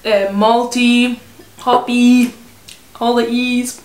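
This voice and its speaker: Woman beer reviewer, higher voice, giggly casual chat, roomy echo. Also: little pitch movement, very slow, a little mellow. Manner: chatty, giggly, trails off mid-sentence. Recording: echoey room.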